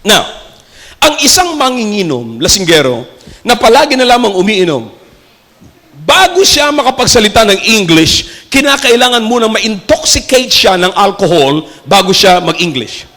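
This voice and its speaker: A Filipino man preaching a sermon in a church, mixing English and Tagalog, joking and shouting key lines for emphasis. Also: high-pitched, very animated, normal speed, long reverb tail. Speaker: pastor.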